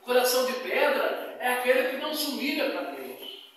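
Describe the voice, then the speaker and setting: High-voiced preacher man in an echoey hall. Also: sing-song, brisk, fairly bright tone, a little hiss or hum. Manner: preaches in a rising, emphatic cadence, repeating phrases; tells personal testimony with quoted dialogue. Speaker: pastor. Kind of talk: sermon. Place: church hall. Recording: echoey hall recorded from far off.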